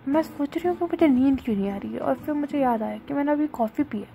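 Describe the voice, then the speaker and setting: A woman's voice: sits high, lively intonation, fast, gravelly, dull audio, very noisy. A young woman from India rambling through a casual late-night vlog monologue, mixing Hindi and English and swearing casually, lying on the floor at home and talking to her phone camera. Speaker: vlogger. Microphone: phone camera up close.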